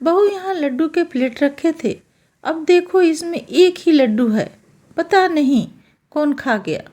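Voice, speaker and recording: A woman voicing a bossy middle-aged mother-in-law who talks in a scolding, commanding way, slow and high. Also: lively intonation, mellow. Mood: upset.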